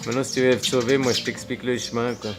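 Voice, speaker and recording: Man, spiritual vlogger, meandering monologue full of fillers and rhetorical questions, medium pitch, music under. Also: level tone, racing. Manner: loose and rambling, with many fillers and rhetorical questions. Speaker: spiritual video blogger. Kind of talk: rambling spiritual monologue to camera.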